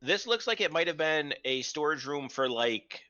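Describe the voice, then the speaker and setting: A man's voice: a little high, expressive, normal speed, bright, forceful tone, highs cut off. A man as game master narrating a tabletop game online, hesitant and full of ums and restarts.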